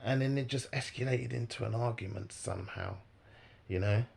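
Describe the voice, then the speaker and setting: A man with a gravelly, creaky voice at an everyday pitch, telling a story in a loose, rambling way. He circles back and repeats himself as he talks. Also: a little slow, a little mellow, a little hiss or hum. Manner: rambling, repeats phrases, many fillers. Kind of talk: casual storytelling.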